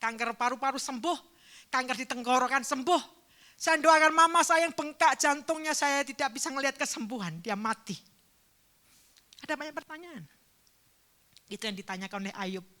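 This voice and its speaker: A woman pastor preaching a sermon at a church service, telling a personal story with emotion and swinging between fervent and hushed speech. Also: high-pitched.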